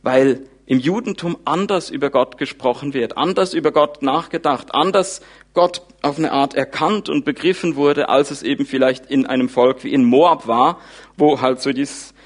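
A man preaching with lively storytelling. He rises to loud peaks and sinks to quiet, intimate asides. His pitch sits in a middle range for a man. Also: normal speed. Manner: lively storytelling, voices characters' thoughts informally; animated, wide swings in loudness. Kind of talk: sermon.

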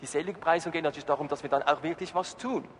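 Guy preaching in a church, high voice, lots of reverb, quizzes the crowd. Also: steady tone, fast. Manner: asks the congregation questions; emphatic, rising and falling. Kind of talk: sermon. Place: church hall. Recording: reverberant hall, faint noise.

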